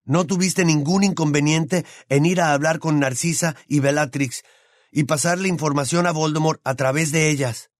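A man's voice: fairly high pitch, fairly even intonation, moderate pace, no echo, voice pushed up, lightly acted. A man performs a determined teenage boy who questions sternly and will not let up. The voice sits somewhat above his own, and the delivery stays firm. The sound is dry and close. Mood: stern questioning. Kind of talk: audiobook character voice.

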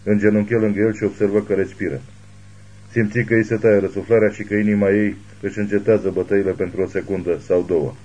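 A man narrating a thriller audiobook in a steady, grave reading. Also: lowish voice, lo-fi sound.

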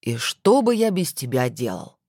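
A woman's voice: very deep voice, very animated, normal speed, a little mellow, slightly rough, no room sound, pitched below the performer's own voice, exaggerated voice. A woman voicing a teasing, self-important rich husband on the phone, with dry mock-pompous humor.

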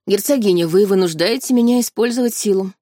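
A woman reading an audiobook, voicing a young royal knight who speaks calmly, coolly and formally. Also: medium pitch, quick pace, no echo, studio quality, natural voice. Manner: calm, cool, formal. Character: young male royal knight, cold and composed.

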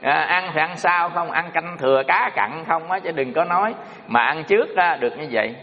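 A man's voice: fairly high pitch, normal speed. A man giving a moral talk to an audience, in a homespun, repetitive manner full of fillers. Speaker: speaker addressing an audience. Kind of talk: moral talk with folksy storytelling. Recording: dull lo-fi sound in a reverberant hall.

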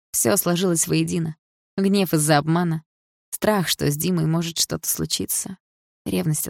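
A woman reading a first-person novel aloud in a soft, expressive way. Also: lowish voice, creaky, no room sound, studio quality. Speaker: audiobook narrator.

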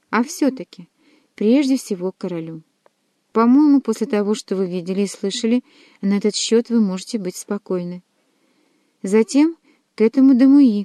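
A woman's voice: medium pitch, dark tone, dry recording, studio quality, lightly acted. A woman voicing an ardent, jealous young male nobleman who pleads his love. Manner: pleading, impassioned.

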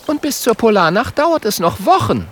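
A man voicing a clever, prim young girl in a storybook reading, high-pitched and knowing. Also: very animated, normal speed, a bit bright, a little hiss or hum.

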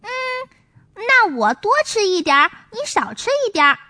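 A woman voicing a small, boastful young boy who is eager to grow up, with excited chatter. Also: very high-pitched, moderate pace, full character voice.

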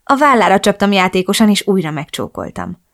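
A woman reading a romance novel aloud as a first-person narrator, in a soft, intimate way. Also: mid-range voice, very animated. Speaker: audiobook narrator.

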